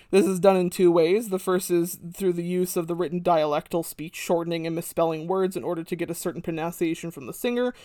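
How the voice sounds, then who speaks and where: A man hosting a podcast in a sardonic, casual way, cursing freely. His voice sits high for a man. It is recorded close and dry, with no room sound. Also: a little mellow, no room sound. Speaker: podcast host.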